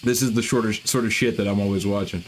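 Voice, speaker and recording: A man's voice: fairly low pitch, fairly even intonation, fast, slight background noise. A man hosting a casual livestream, chatting loosely about metal bands with lots of swearing and restarts. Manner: profane, rambling, self-deprecating. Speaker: livestream host.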